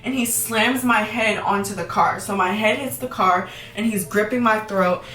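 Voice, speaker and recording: A young woman tells her own story to her viewers, quick and emphatic, often repeating words to stress them. Her voice sits back from the mic in a roomy, echoing space, at a middling pitch. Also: a bit bright, far from the mic, slight background noise. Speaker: vlogger. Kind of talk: storytime vlog.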